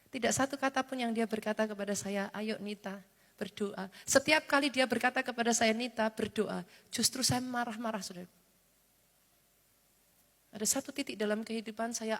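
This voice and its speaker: A woman's voice: a little high, steady tone, fairly quick, fairly bright tone. A woman in her forties preaching a sermon as pastor, telling a personal story in an intimate way, often addressing the congregation and mixing in English phrases. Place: large church hall. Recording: long church hall reverb with music behind.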